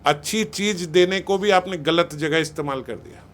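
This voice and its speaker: A man's voice: fairly high pitch, moderate pace, a bit bright. A man giving a spiritual talk on raising children, conversational and scolding, often acting out what parents and teachers say. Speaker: spiritual speaker.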